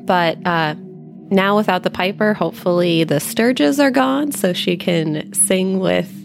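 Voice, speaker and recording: Female tabletop player, relaxed, gravelly low voice, music playing under. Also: measured pace. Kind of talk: describing her character in a tabletop game.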